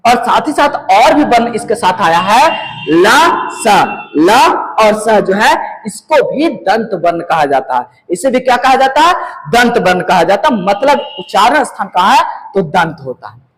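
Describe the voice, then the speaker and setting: A man's voice: high voice, very animated, moderate pace. A man teaching a grammar lesson to students, asking questions and answering them himself and sounding out letters one by one. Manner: asks questions and answers them himself, repeating key points. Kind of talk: classroom-style lesson to students. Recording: long reverberant room.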